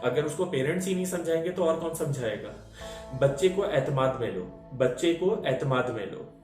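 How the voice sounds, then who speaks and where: A man's voice: fairly high pitch, lively intonation, normal speed, a little mellow. A man in his thirties giving an earnest parenting talk, repeating key lines and asking the audience rhetorical questions. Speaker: motivational speaker. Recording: echoey room with faint music.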